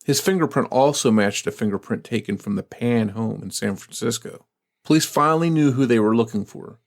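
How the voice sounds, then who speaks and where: A man co-hosting a true crime podcast, reading case details and then musing in a halting, measured way. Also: medium pitch, creaky. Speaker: podcast co-host.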